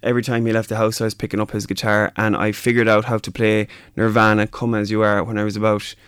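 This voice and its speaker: A man's voice: on the low side, flat delivery, fast, fairly bright tone, clean tone, no echo, clean studio sound. A man with a west of Ireland accent, chatting casually as a musician guest in an interview.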